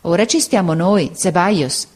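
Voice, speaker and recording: A woman voicing a polite young woman in a storybook reading, brisk and courteous. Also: fairly low pitch, lively intonation.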